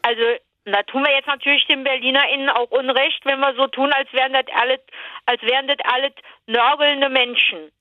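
A woman's voice: high voice, fairly even intonation, brisk, dry recording, phone-quality sound. A middle-aged woman co-hosting a podcast in casual chat, playful, giggly and self-mocking. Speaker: podcast co-host.

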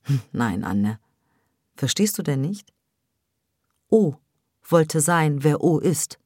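A woman's voice: deep voice, very animated, slow, darkish tone, husky, no echo, studio quality, heavily acted. A woman voicing a blunt grown daughter. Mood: firm. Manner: firm and matter-of-fact.

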